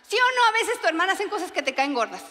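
A high, bright Mexican woman in her forties speaks to a crowd of women in a chatty, joking way, often slipping into little scenes from daily life. Her voice rings with long reverb from a large hall. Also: big pitch swings, fast talker, a little hiss or hum. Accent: Mexican Spanish. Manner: chatty, joking, acts out everyday dialogues. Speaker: conference speaker. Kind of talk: humorous sermon talk.

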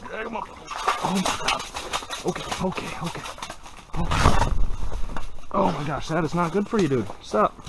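Excited ice-fishing man, gravelly voice. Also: sits high, normal speed, pauses often, heavy background noise. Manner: excited, exclaiming. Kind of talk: casual first-person narration. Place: outdoors on a frozen lake, then in an ice shelter. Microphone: body-worn action camera.

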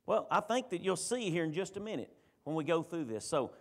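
A man preaches a sermon. His voice sits a little high for a man. He talks conversationally, often stumbling, restarting and repeating words as he goes. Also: very animated, fairly quick. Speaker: pastor. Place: church.

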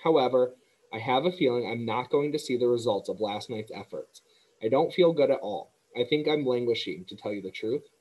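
A man voicing a weak, gentle old spider. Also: mid-range voice, brisk, highs cut off, natural voice. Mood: weary, gentle. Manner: quiet, tired, gentle. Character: weak, fading female spider, gentle and wise.

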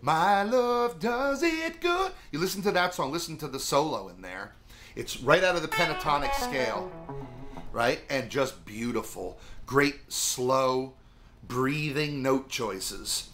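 Middle-aged guy rambling thru a guitar lesson, lots of ums, bright voice. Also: medium pitch, expressive, measured pace. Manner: rambling, chatty, lots of fillers. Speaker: music teacher. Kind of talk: casual video guitar lesson.

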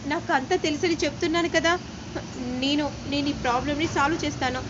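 A woman voicing a calm adult man who reassures and explains steadily. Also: high voice, fast, background noise, close to an everyday voice. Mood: soothing. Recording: dull lo-fi with faint ambience.

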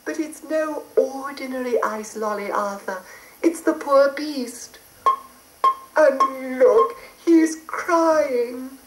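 A woman's voice: takes it slowly, faint music behind. Cooing plump fairy, voiced by a woman. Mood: fussing. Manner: high, soft, cooing. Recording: roomy old cassette recording.

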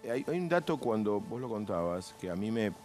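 Brisk male talk-show host. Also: on the low side, very animated, a little mellow, soft background music.

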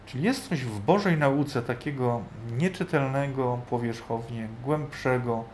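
A man's voice: medium pitch, measured pace, a little mellow, a little hiss or hum. A man teaching a Bible study group in a conversational way, thinking aloud and often checking in with his listeners.

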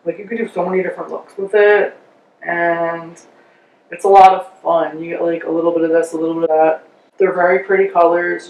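A woman's voice: lowish voice, creaky, darkish tone, far from the mic, slight background noise. Chatty vlogger woman in a sheet mask, rambling and trailing off, set back from the mic in an echoey room. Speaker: beauty vlogger. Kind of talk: casual chat reviewing makeup.

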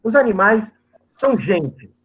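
Man lecturer, hesitant and explanatory, high voice, thin phone-line audio from a video call. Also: big pitch swings, unhurried. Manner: hesitant, explanatory, frequent "é" fillers. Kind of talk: academic lecture.

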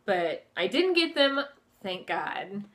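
A woman's voice: medium pitch, sing-song, takes it slowly, fairly bright tone. A woman in her twenties talking casually to camera at home as a vlogger, in a chatty, conversational way with plenty of filler phrases. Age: 20s. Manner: chatty, conversational, frequent "like" and "you know". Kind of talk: casual personal storytelling to camera. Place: furnished room at home, indoors.

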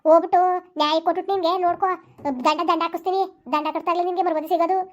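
A woman's voice: very high-pitched, fairly even intonation, rapid-fire, lo-fi sound. A woman playing an angry village moneylender who scolds and threatens a debtor in a village drama. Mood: scolding.

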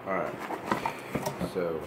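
A young man talking casually and in a low-key mutter as he does a homemade unboxing and product review. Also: slow pace. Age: young adult. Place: small room at home, indoors. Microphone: camera or phone at arm's length. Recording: loud ambient noise, homemade webcam-style sound. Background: loud room noise.

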